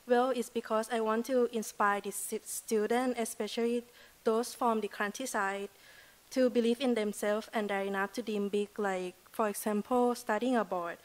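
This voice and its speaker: A young woman with a Thai accent speaks at a podium microphone in a lecture hall. Her voice sits a little high, and her delivery is earnest, with loose phrasing and frequent "like" fillers, in the manner of a student presentation. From Thailand. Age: 20s. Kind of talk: prepared presentation speech.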